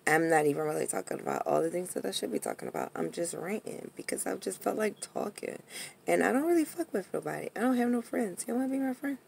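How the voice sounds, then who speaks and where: An American woman with a husky, gravelly voice, rambling drunkenly and bluntly in a casual rant to her viewers, with some swearing. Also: medium pitch, expressive, quick pace, a little mellow, a little hiss or hum. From Pennsylvania, United States. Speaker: vlogger.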